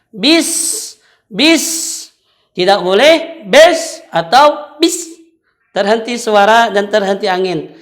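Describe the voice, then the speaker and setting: A woman teaching Quran recitation, patiently explaining and chanting drawn-out example syllables. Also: a little high.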